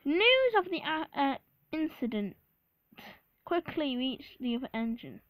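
A woman reading a children's storybook aloud, halting with fillers and slips. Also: high-pitched, big pitch swings, a bit bright, rough recording. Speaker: storybook reader. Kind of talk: reading a picture book aloud.

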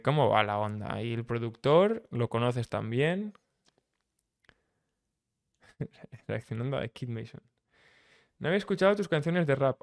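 A young man from Menorca, chatting casually on a live stream as he reacts to a song, relaxed and self-deprecating, chuckling often. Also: mid-range voice, clear, resonant tone. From Menorca, Spain.

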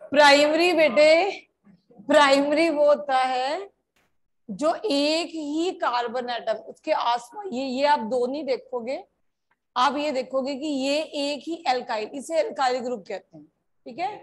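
A woman from India teaching a chemistry class, switching between Hindi and English, calling her students "beta" and checking often that they follow. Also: sits high. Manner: slow, deliberate explanation. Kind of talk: classroom lecture.

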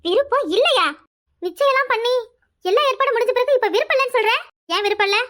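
A scheming, bossy village mother from a cartoon squeals her scolding in a very high, piercing tone, voiced by a woman. She speaks with a Kanyakumari Tamil accent and a rapid, nagging rhythm. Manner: shrill, scolding, fast, rising to yells. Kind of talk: cartoon voice acting.

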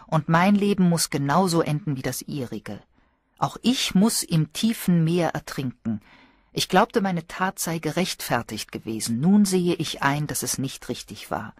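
A woman's voice: deep voice, animated, measured pace, no echo, studio quality. A woman voicing a remorseful wealthy woman's farewell letter, grave and solemn, in an audiobook.

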